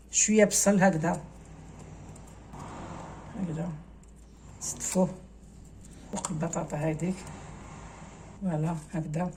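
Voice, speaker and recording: Speaking in a lowish, slightly mellow voice, a woman with an Algerian accent hosts a cooking channel, guiding viewers through a recipe step by step in a casual way and mixing in French words. There is slight background noise.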